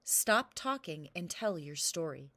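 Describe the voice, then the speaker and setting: A woman's voice: deep voice, very animated, unhurried, bright, forceful tone, dry recording, exaggerated voice. A woman reading a storybook, voicing a stern, angry king who commands and roars. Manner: commanding, roaring.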